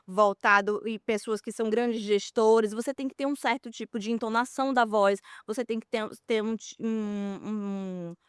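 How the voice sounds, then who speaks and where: A Brazilian woman speech therapist who is a podcast guest, explaining voice technique in a measured, teaching manner with some hesitant fillers. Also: mid-range voice, fairly even intonation, clean tone, dry recording, studio quality. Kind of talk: explanatory interview answers.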